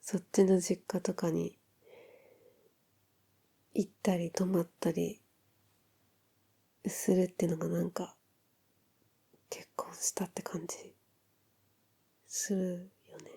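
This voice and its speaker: Casting: woman as tender newlywed wife, soft-spoken pillow-talk role-play, very soft dark tone, unhurried and intimate. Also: fairly low pitch, flat delivery, creaky, breathy edge, full character voice. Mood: intimate, musing. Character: affectionate newlywed wife chatting softly in bed.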